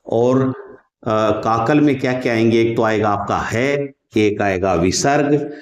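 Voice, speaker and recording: Slow, deliberate male Hindi grammar teacher. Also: mid-range voice, echoey room. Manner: slow, deliberate, repeats sounds to demonstrate; addresses listeners as friends, with thinking fillers. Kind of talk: exam-prep phonetics lesson.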